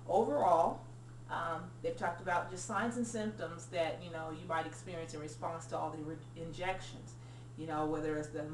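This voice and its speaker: A forty-something woman with a somewhat low voice talks earnestly in a casual video diary, pausing often on ums. She sits a little away from the mic in an echoey room with a faint hum behind her. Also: a little mellow, recorded from a distance. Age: 40s. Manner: frequent ums, earnest and explanatory. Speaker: nurse sharing a personal diary. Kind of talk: casual personal vlog.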